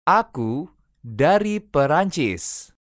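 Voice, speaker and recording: Slow, lively phrase-drill reader. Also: medium pitch, dry recording, clean studio sound. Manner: slow, careful, each phrase repeated three times. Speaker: language teacher.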